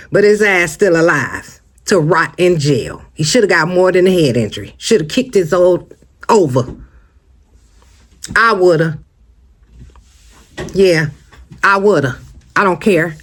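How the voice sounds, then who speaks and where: An American true-crime commentary vlogger with a medium-pitched, slightly bright voice speaks straight to viewers. Her casual, opinionated take is emphatic and conversational, full of rhetorical questions.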